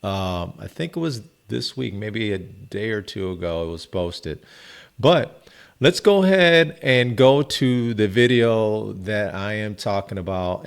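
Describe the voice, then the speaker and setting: A man's voice: on the low side, vocal fry. A man giving casual, conversational video commentary as he fact-checks. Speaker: commentator debunking a viral post.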